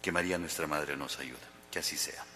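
Un sacerdote que predica y dirige la oración con tono solemne y pausado, con eco de catedral. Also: male voice, extremely low pitch, bright, forceful tone, soft background music. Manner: solemn, measured preaching. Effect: cathedral echo. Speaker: priest. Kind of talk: homily and prayers at mass. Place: large church. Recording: long church reverb, faint hum.

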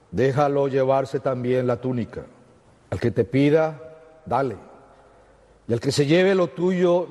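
Priest proclaiming in cathedral echo. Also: male voice, medium pitch, darkish tone. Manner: solemn, measured proclamation to a congregation. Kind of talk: liturgical Gospel reading and homily. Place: large church, amplified, cathedral-like echo. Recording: echoing church hall with long reverb.

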